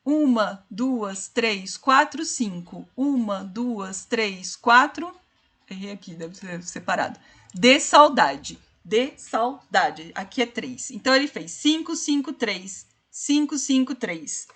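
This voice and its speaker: Woman teacher, fairly high voice, slow deliberate delivery, lecturing to students. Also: animated, a bit bright, breathy edge. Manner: explains slowly, counts syllables aloud, addresses students directly. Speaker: literature teacher. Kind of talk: online class lecture.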